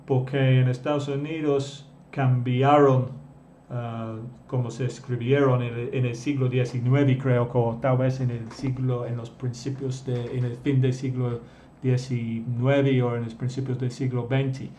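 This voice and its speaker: A male English teacher talks slowly and carefully in a live online class, repeating each key word and definition. His voice sits at an ordinary middle pitch. The room echoes, with faint keyboard typing behind him. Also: little pitch movement, warm tone, slight background noise. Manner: slow, deliberate, repeats key words and definitions.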